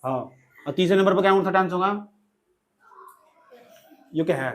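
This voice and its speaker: Male teacher, high voice, teasing, quizzing a class. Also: moderate pace. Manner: scolding, teasing, quizzing students. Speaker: grammar teacher. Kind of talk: classroom lecture.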